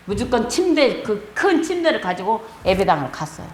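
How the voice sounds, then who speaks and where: A woman's voice: mid-range voice, sing-song, normal speed, a little mellow, slight background noise. A middle-aged woman pastor preaches with emphatic, sweeping intonation, her voice rising and falling widely. She keeps putting rhetorical questions to her congregation. The sound carries the echo of a church hall. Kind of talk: sermon with personal testimony. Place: church sanctuary.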